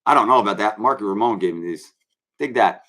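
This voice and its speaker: This host speaks fast in a lowish voice, bright and forceful, ranting loosely on his own online show. His live-stream rambles, and his swaggering, brash manner includes addressing the audience as kids.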